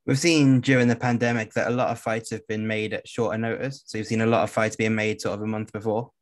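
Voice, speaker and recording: A man hosting a podcast, asking a fighter interview questions in a calm, measured way. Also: fairly low pitch.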